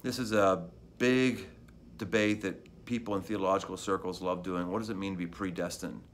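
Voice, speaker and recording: A man's voice: low-pitched, steady tone, normal speed, slight background noise. A middle-aged man, a pastor, giving an evening devotional talk from his office in a conversational way, repeating phrases for emphasis.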